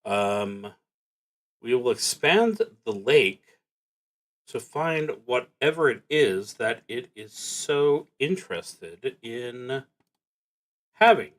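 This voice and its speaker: A man with a mid-pitched voice streams a solo roleplaying game, slowly and expressively thinking his choices through out loud. His musing, halting delivery often trails off before he picks the thought back up.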